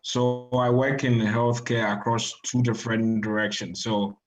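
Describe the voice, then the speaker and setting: A man speaks on an online panel about founding a health AI lab. His tone is friendly and relaxed, and his voice sits in an average range. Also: mid-range voice, a little slow, rough recording.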